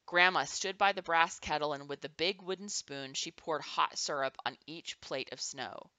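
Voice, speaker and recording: Woman, storybook read-aloud, bright clear voice, low-ish pitch, dry close sound. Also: moderate pace, no room sound. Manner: expressive, animated reading. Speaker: aunt reading to children.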